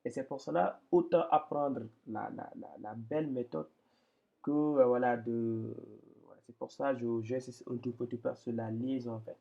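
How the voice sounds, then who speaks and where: A man's voice: mid-range voice, fairly even intonation, normal speed, gravelly, highs cut off. A man teaching a lesson, explaining step by step with patient repetition and frequent restarts. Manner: patient, repeats and restarts often. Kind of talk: explaining Arabic reading step by step.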